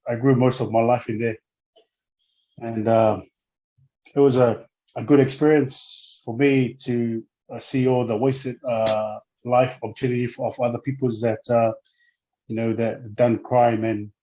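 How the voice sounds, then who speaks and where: A man, talking slowly through his memories with lots of "uh"s and restarts. His voice is mellow and warm, and the audio sounds muffled and lo-fi. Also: mid-range voice, steady tone. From Samoa. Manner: hesitant, many fillers and restarts. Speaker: guest, former rugby player. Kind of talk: casual interview.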